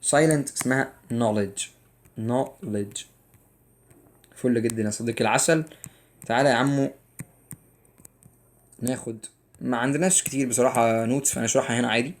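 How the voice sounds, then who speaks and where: A young man with an Egyptian Arabic accent runs a playful exam-prep English lesson at a rapid clip. He teases his students and drills each grammar rule by repeating it again and again. His voice sits in a middle register. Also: mid-range voice, fairly even intonation. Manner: jokey, teasing, drills rules by repetition. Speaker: English teacher.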